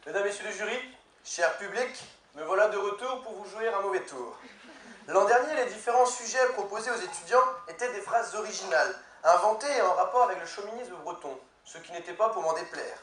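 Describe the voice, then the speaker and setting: A man's voice: high voice, fairly quick, a bit bright. A young man opening a formal contest speech with a playful, theatrical address to the jury and audience. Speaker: contest competitor. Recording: echoey hall, far from mic.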